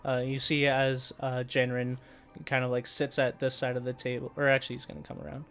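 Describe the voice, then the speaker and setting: A man running a tabletop game, talking in a relaxed way with plenty of "uh"s and "like"s. His voice sits at a middle pitch, with faint music underneath. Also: a little fast, gravelly. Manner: relaxed narration with many fillers. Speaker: game master.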